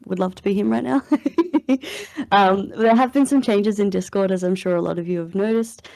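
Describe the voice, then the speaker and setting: A woman's voice: mid-range voice, normal speed, vocal fry, darkish tone, no room sound, clean studio sound. A woman hosting a casual live voice chat, upbeat and chatty, with fillers and frequent laughs, in her morning voice. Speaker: community manager hosting an AMA. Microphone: voice chat headset or computer mic.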